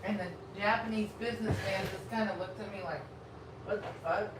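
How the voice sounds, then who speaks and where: A Texan food vlogger live-streams from her home kitchen, rambling frankly in a Texas accent as she cooks and eats. Her mid-range voice moves a little fast with fairly even intonation. The recording is roomy, noisy, and distant from the mic.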